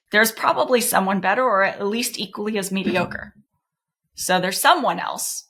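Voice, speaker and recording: A woman guest coach on a podcast who talks in an animated, playful way, full of casual asides. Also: medium pitch, measured pace.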